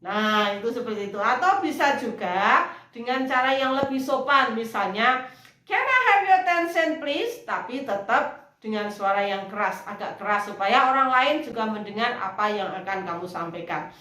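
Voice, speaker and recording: A woman teacher, explaining slowly in a recorded lesson and acting out model phrases in a loud, high voice. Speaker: English teacher. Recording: echoey room.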